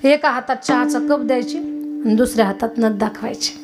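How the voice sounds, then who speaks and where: High-voiced woman preaching a kirtan. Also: a little fast. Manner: emphatic, addresses audience directly. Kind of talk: devotional sermon with storytelling. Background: tabla music.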